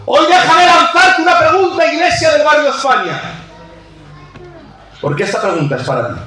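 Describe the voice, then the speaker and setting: A man preaching a sermon with passion, swinging between shouted lines and low, intense ones and repeating key phrases. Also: animated, moderate pace. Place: church sanctuary. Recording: very echoey church hall.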